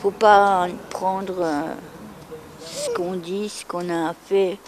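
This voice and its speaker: A woman's voice: medium pitch, very animated, very slow, background noise. A middle-aged woman from France speaking frankly and bluntly about her past, repeating herself for emphasis. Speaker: interviewee. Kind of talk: candid testimony.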